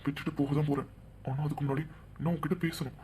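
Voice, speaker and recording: A man voicing a young man in a cartoon, gently teasing and persistent. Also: fairly high pitch, level tone, fast, heavy background noise, natural voice. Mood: earnest. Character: young man leaving for abroad, tender and teasing. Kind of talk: cartoon voice acting.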